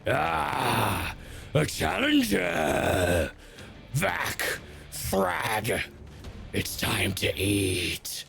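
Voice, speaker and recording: A towering monster, acted out by a game master, gloats slowly and menacingly as it greets challengers. It sounds eager for a fight, with music underneath. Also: medium pitch, wildly swooping pitch, creaky, fairly bright tone, full character voice. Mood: menacing relish. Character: monstrous ten-foot axe-wielding beast master, menacing and eager.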